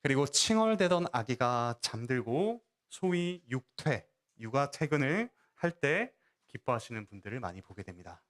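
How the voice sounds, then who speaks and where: Lively storytelling male pastor. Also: medium pitch, normal speed. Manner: animated storytelling aimed at children; asks the listeners questions and answers them himself. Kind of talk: sermon.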